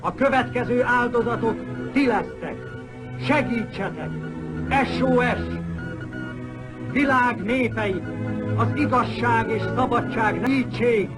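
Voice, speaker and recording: A man's voice: extremely high pitch, unhurried, pauses often, over music. A man from Hungary making an urgent, pleading radio distress call, heard as an old archival broadcast.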